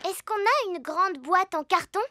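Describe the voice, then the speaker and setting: A woman's voice: very high voice, normal speed, very noisy. A woman voicing an eager, insistent little girl piglet in a preschool cartoon. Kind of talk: French-dubbed preschool cartoon.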